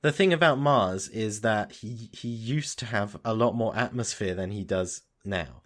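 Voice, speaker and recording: On a relaxed podcast he co-hosts, a young man chats about science news, working out his thoughts aloud with plenty of restarts. His voice is fairly low and a bit bright, and he talks a little slowly.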